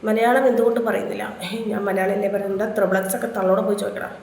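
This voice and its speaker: Rapid-fire and steady, this woman from Kerala, India has a mid-range, slightly mellow voice as she chats casually on a live stream and trades crude insults with viewers. Faint background noise sits in an echoey room.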